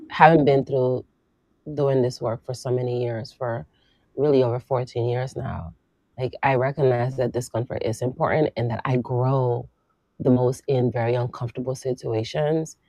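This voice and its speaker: A woman hosting a casual conversation, reflective and lively, laughing often. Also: a bass voice, normal speed, no echo, dull audio. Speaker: podcast host and coach.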